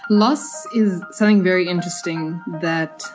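A podcast host around thirty, from Zimbabwe and raised in South Africa, who speaks in an earnest, reflective way. Her voice sits a little low for a woman. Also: fairly even intonation, moderate pace, soft background music. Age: about 30. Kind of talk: conversational podcast interview.

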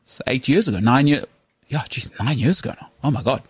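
A man's voice: medium pitch, animated, fairly quick, breathy edge, dry recording. A man in his thirties hosting a casual chat, rambling and self-mocking with lots of restarts. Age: 30s. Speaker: podcast host.

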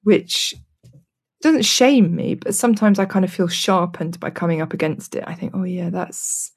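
Woman, lowish husky voice, reflective candid interviewee. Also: moderate pace, darkish tone. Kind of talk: reflective conversation.

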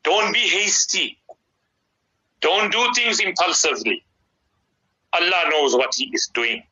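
A man's voice: high voice, a little slow, sharp tone, slightly rough. A middle-aged man with a South African Indian accent gives conversational religious advice in an emphatic, preacherly way, repeating key phrases. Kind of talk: conversational radio sermon. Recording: slightly dull radio broadcast sound.

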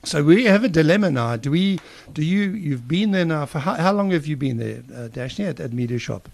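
Jovial man in his sixties, gravelly. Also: fairly high pitch, fairly quick, no echo. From South Africa. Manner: jovial, energetic presenter. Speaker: podcast co-host. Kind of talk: casual podcast chat.

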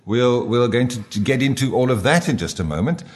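A man's voice: mid-range voice, expressive, a little fast. A man with a South African accent hosting a conversational radio interview. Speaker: radio host.

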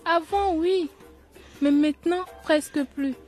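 A woman's voice: extremely high pitch, slow, darkish tone, faint music behind. An actress playing a polite, earnest teenage girl in a radio drama, respectful and inquisitive. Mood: worried.

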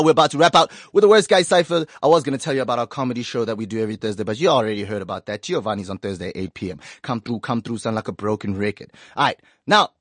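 A man's voice: mid-range voice, no room sound, clean studio sound. Laid-back podcast guy. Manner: loose, joking, swears freely, rhymes off the cuff. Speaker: podcast co-host. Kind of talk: casual chat.

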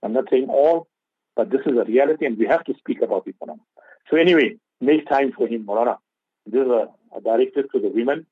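A man's voice: mid-range voice, fast, breathy edge, no room sound, narrow, tinny audio. A man giving religious advice on a radio talk show, preaching and repeating key phrases for emphasis. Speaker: Islamic scholar on radio.

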